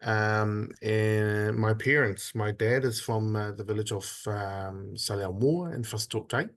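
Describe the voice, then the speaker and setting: A man from Samoa in his thirties, speaking on the low side as an interview guest. He talks in a measured, unhurried way, pausing often as he thinks. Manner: measured storytelling with frequent pauses. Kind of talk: conversational interview.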